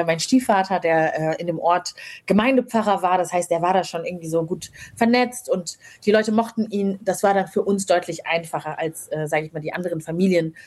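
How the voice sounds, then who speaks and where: A woman in her thirties, originally from Rwanda, chats through a casual interview. Her voice sits slightly low and carries a husky, breathy texture. She speaks reflectively, often pausing on fillers as she gathers her thoughts. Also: darkish tone. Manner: reflective, many fillers and hedges. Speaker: guest.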